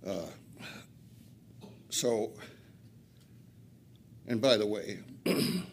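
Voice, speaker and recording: Speaking very slowly with lively intonation and a lowish voice, an older man from Flint, Michigan, shares his recovery story at a retreat. The story is profane and self-mocking, and he laughs often.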